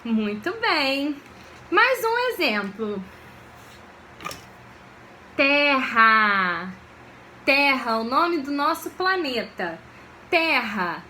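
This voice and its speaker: A woman teacher, giving a video lesson for children in a slow, patient way and often checking that they follow. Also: sits high, very animated, pushed and bright, slight background noise. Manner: slow, patient, checks understanding with frequent questions.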